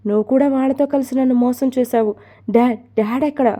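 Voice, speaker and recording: A woman's voice: sits high, steady tone, brisk, warm tone. A woman voicing an upset young woman who protests against a forced marriage. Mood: protesting. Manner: protesting, pleading.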